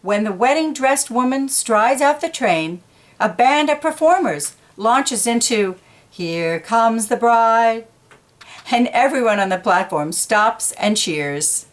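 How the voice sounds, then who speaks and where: A woman with a rather high voice reads aloud to children slowly and with animation. She alternates the picture book's text with informal asides about the images.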